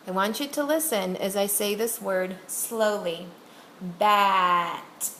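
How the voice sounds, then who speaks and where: A woman teacher demonstrating a reading lesson with a student, saying each word slowly and deliberately to model its sounds. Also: mid-range voice. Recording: echoey room with faint noise.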